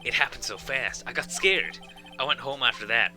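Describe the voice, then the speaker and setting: A man's voice: mid-range voice, animated, moderate pace, over music, close to an everyday voice. A man reading the part of a nervous, cheeky young boy witness in his everyday voice, giggling now and then. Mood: nervous recounting.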